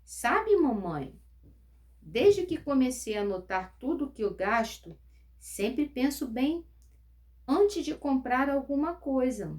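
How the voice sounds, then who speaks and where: A woman's voice: high voice, sing-song, slow, darkish tone, voice pushed up, heavily acted. A woman voicing a cheeky young boy who earnestly explains himself to his mother.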